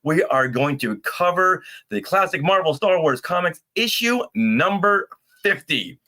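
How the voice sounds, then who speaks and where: A man's voice: high voice, big pitch swings, unhurried, bright, forceful tone. A man co-hosting a casual fan live stream, bantering playfully and responding to comments as they come in.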